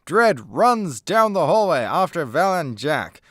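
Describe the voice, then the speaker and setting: A man reads the narration of a comedy radio play from a script. He sounds animated yet unhurried, with a fairly high voice captured close up in a dry recording.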